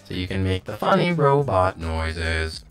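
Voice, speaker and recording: A man's voice: deep voice, sing-song, measured pace, faint music behind. A man presenting a casual product tutorial, speaking through a robot voice filter.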